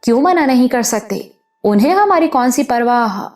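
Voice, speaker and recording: A woman's voice: fairly high pitch, lively intonation, a little mellow, natural voice. A woman voicing an older motherly village woman who scolds with affection, in an audiobook. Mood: scolding. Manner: scolding yet affectionate, rustic speech. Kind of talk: audiobook character voice.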